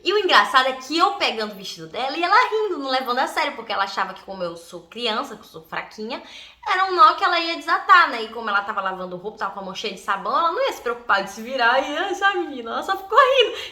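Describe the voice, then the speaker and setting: A woman's voice: high-pitched, big pitch swings, rapid-fire, pushed and bright. A young woman vlogger animatedly telling a childhood story, laughing often and acting out her relatives' voices. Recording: echoey room.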